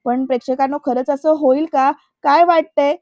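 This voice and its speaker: A woman's voice: high-pitched, steady tone, moderate pace, darkish tone, no echo, dull audio. A woman recapping a TV serial episode in a chatty way, speaking straight to her viewers. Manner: chatty, addresses the viewers directly. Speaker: TV serial reviewer.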